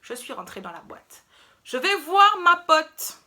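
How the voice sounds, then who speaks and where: A young woman telling a story in a casual, animated, slangy way. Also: very high-pitched, unhurried. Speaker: vlogger.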